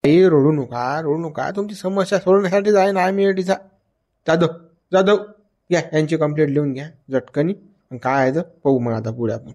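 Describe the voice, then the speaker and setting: A man's voice: fairly high pitch, fairly quick, darkish tone, natural voice. A man playing a village police inspector who gives orders and questions a complainant. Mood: reassuring. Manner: commanding, questioning, mixing English words. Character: village police inspector, self-important but helpful. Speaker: police officer. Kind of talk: comedy skit acting.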